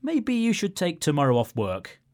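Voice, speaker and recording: A man co-hosting a scripted language lesson in a studio, explaining a phrase in a sympathetic, gently teasing way. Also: a little high, huge pitch swings, normal speed. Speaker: co-host.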